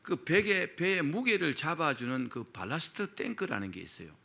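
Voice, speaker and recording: A middle-aged male pastor delivers a sermon in a gravelly, forceful voice. His pitch moves animatedly as he tells a story, and he keeps turning to the congregation with rhetorical questions. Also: sing-song, moderate pace.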